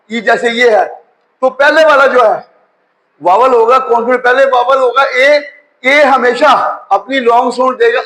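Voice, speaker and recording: A middle-aged man giving a spoken English grammar lecture, explaining slowly, repeating words and spelling them out letter by letter. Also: very high-pitched, fairly bright tone, rough recording. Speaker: English teacher.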